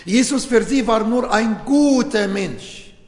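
Here the Arabic-speaking preacher delivers his German sermon slowly in a high voice, with grammatical errors and plenty of rhetorical questions. The church hall setting gives the recording a long, echoing reverb.

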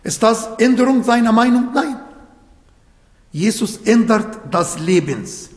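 In a hall with long, echoing reverb, an Arabic-speaking man delivers a German sermon with earnest emphasis and some grammatical errors. He speaks slowly in a high-pitched, animated voice.

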